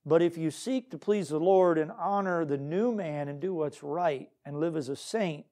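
A pastor with a warm voice on the high side preaches at a moderate pace. He is earnest and exhorting as he reads scripture and poses questions to his listeners in this Baptist sermon.

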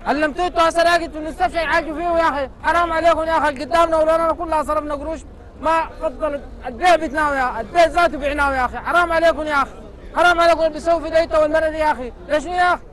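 A distraught father with a Sudanese accent, shouting his grievances at a very high pitch and racing pace in an open-air street comedy. His voice carries over a crowd murmuring faintly behind him. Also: steady tone, rapid-fire. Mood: aggrieved. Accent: Sudanese Arabic. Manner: loud, pleading, accusing stage delivery. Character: worried father angry at drug dealers. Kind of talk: street theatre comedy sketch.

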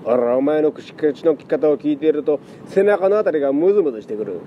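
A man voicing a blunt, rough male cat who mocks in coarse street talk. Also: fairly high pitch, animated, fast, dull audio, a little hiss or hum, lightly acted. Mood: mocking.

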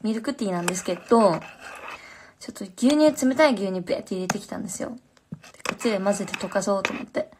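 A woman's voice: mid-range voice, fast, background noise. A young woman with a Fukuoka accent chatting casually on a phone livestream, slangy and answering viewer comments. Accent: Fukuoka Japanese.

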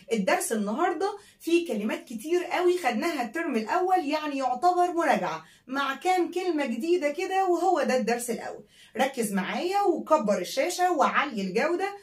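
High-voiced Egyptian woman teaching vocabulary. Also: far from the mic. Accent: Egyptian Arabic. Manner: spells words and repeats them for pupils to echo. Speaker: English teacher. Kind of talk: classroom vocabulary lesson. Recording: echoey room, voice a bit off-mic.

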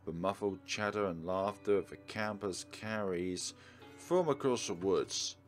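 An unhurried man with a lowish voice hosts a let's play, reading visual novel narration aloud and tossing in casual commentary. The game's soundtrack plays behind him.

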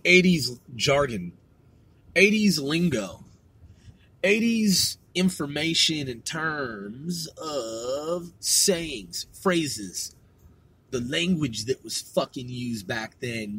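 A middle-aged man with a West Coast accent hosts his own podcast, rambling through a casual monologue full of slang, swearing, and fillers. His voice is a little high, animated, and fairly bright with slight roughness, and he speaks at a slow pace.

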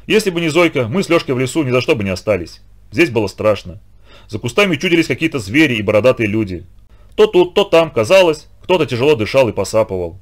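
Male audiobook narrator, very expressive, mid-pitched, vivid storyteller. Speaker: audiobook reader. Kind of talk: scripted narration.

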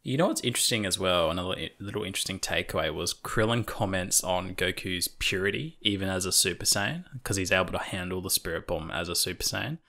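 A man's voice: sits low, fast, hardly any pauses, pushed and bright. A man co-hosting a podcast, chatting casually and enthusiastically, with loose and casual swearing. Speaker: podcast co-host.

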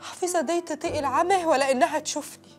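A poor village mother, as a woman acts her out pours out anguished laments in a high Egyptian voice. Her cries to heaven sound worn through with despair. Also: fast, soft background music, lightly acted.

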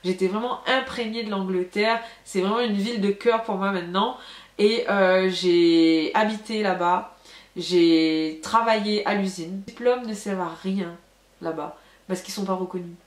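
A young woman from France chats straight to her viewers, frank and loose, with many filler sounds. Her voice sits at an ordinary middle pitch. The room around her rings with noticeable echo. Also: normal speed. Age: young adult. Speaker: vlogger. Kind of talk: casual storytelling to camera. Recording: echoey room.

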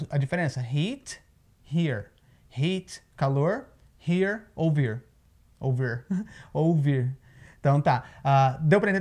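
A man's voice: high-pitched, a little mellow. A Brazilian man with a Brazilian Portuguese accent, giving a casual video lesson on English pronunciation and explaining patiently. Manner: explains patiently, often checks in with "tá?". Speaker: English teacher. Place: living in the United States.

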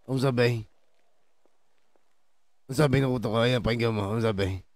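A man's voice: mid-range voice, normal speed, darkish tone, no echo, clean studio sound. A man streaming a role-play game, chatting in character, joking and swearing freely. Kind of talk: casual in-character game chat.

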